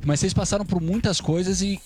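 A man's voice: sits high, fairly even intonation, fast talker, darkish tone, faint music behind. A man co-hosting a radio show, joking and slangy as he questions a band. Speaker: radio co-host. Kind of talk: casual radio interview. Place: radio studio.

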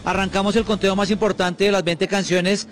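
A man with a Colombian accent hosting a radio show, talking in lively, joking morning banter. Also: sits high, normal speed, slight background noise. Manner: energetic, chatty and joking. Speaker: radio host.

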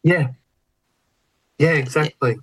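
A man's voice: fairly high pitch, takes it slowly, fairly bright tone, husky, low-quality recording. A middle-aged Australian man, a guest in a casual interview, telling his story reflectively with a laugh now and then. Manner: reflective, laughing, many restarts.

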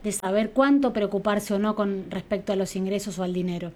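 A woman's voice: medium pitch, steady tone, brisk, a little mellow. An Argentine woman interviewer asking long, winding questions. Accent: Argentine Spanish.

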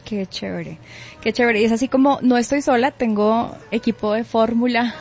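Chatty woman host, bright higher voice. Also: normal speed, husky, soft background music. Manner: cheerful and chatty. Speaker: radio host. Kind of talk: lively radio chat. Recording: dull lo-fi recording.

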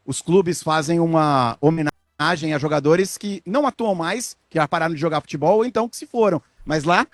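An animated man reporting live on a stadium tour, his voice a touch high and chatty. The sound is dry and close to the mic. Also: a little fast, no room sound. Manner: chatty, animated, laughing often. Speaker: field reporter.

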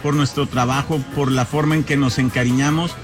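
A man's voice: medium pitch, steady tone, brisk, music in the background. A man with a Mexican accent hosting a live radio interview, enthusiastic and effusive. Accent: Mexican Spanish. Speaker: radio host.

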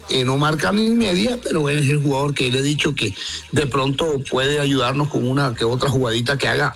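A man's voice: on the high side, creaky, a bit bright. A man giving an opinionated live radio football report, addressing listeners directly. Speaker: radio sports correspondent.

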